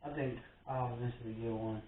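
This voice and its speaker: A relaxed man chimes in as a podcast co-host with brief replies. His voice sits at a middle pitch. The sound is tinny and echoey, as if he sits far from the mic. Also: fast talker, a little hiss or hum. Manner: laid-back, short replies. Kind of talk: casual chat.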